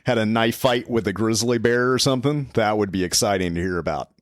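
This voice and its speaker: A man's voice: fairly low pitch, fairly quick, no room sound, clean studio sound. A man hosting a call-in story show, chatting casually in a rambling way. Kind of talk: casual co-host chat.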